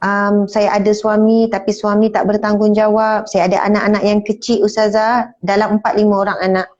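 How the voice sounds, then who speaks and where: A woman's voice: mid-range voice, completely flat delivery, a little fast, darkish tone, close to an everyday voice. A woman voicing a humble, devout poor young mother who works as a rubber tapper, speaking earnestly and gratefully. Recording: muffled lo-fi sound.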